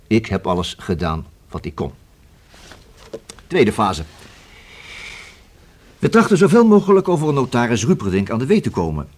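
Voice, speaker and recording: Here the actor is again a man in a Dutch radio play, cast as a senior police detective who is methodical and collegial. He talks things through conversationally, hesitating slightly now and then, in a lowish, darkish voice.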